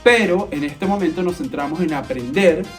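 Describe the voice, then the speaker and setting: A woman's voice: lowish voice, moderate pace, faint music behind. A woman with a Venezuelan accent teaching a casual English lesson in a playful, chatty way, full of local slang.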